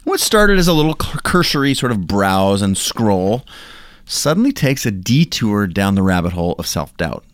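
Male solo podcast host, lower register, dry close-mic sound, intimate right-in-your-ear address, conversational and motivational with emphatic phrasing. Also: big pitch swings, normal speed, dry recording.

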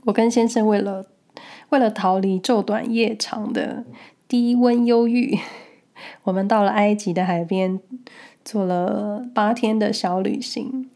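A woman's voice: mid-range voice, warm tone. A woman with a Taiwanese Mandarin accent and a nasal, stuffed-up voice, as if she had a cold, casually sharing personal experiences with listeners. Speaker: podcast host.

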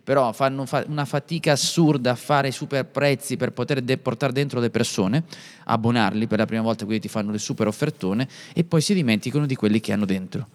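A man's voice: mid-range voice, fairly quick. A man co-hosting a podcast in informal, playful, rambling conversation, his voice congested and stuffy from a cold. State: has a cold. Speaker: podcast co-host. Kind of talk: casual unscripted podcast conversation. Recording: long reverberant hall echo.

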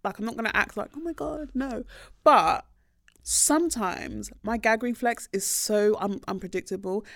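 A woman's voice: mid-range voice, normal speed, dry recording, studio quality. A woman hosting a podcast, talking casually and candidly in a conversational way. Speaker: podcast host. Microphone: podcast microphone.

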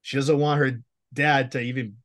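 A man's voice: medium pitch, steady tone, moderate pace. A man hosting a podcast interview, enthusiastic and agreeable in casual chat. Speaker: podcast host.

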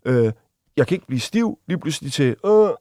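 A man, a guest on an interview, telling a personal story casually, with halting restarts and vivid acted-out quotes. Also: fairly high pitch, sing-song, dark tone, dry recording, studio quality. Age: adult. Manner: vivid, acts out quoted voices while retelling.

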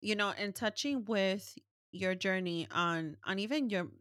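A woman hosting a podcast interview in a casual chat style, often affirming her guest with quick "right"s. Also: mid-range voice, fairly bright tone, no echo, clean studio sound. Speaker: podcast host.

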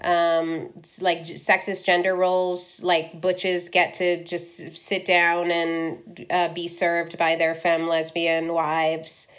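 This is a woman in her fifties who grew up in Ohio, a film director being interviewed. She speaks in a somewhat low voice, candid and loose, with frequent ums and likes as she thinks aloud. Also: monotone, slow, few pauses. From Ohio, US Midwest. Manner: frank, lots of likes and ums.

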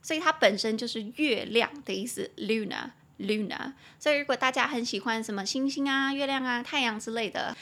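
A woman in her twenties with a Taiwanese Mandarin accent, hosting a casual podcast English lesson and slowly repeating words as she explains them. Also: on the high side, a bit bright. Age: 20s. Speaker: English teacher podcast host.

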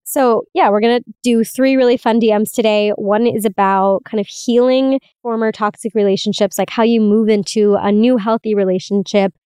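A woman's voice: medium pitch, fairly even intonation, moderate pace, hardly any pauses, mellow, smooth, no echo, clean studio sound. A woman podcast host chatting casually and giggling, recording from inside a clothes closet. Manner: chatty and giggly, with frequent "like" fillers. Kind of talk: casual solo chat. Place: inside a clothes closet under a towel shelf.

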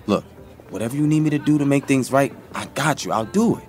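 An actor playing an easygoing young male musician in a video game, talking in relaxed slang and teasing playfully. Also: mid-range voice, quick pace, soft background music, natural voice. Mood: soothing. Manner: laid-back slang, playful, reassuring. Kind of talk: game character dialogue.

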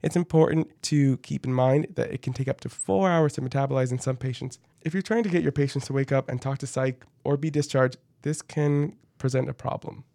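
Creaky-voiced man presenting, very dry sound. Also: mid-range voice, fairly quick, few pauses, mellow, no echo. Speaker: medical podcast co-host. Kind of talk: scripted educational podcast narration.

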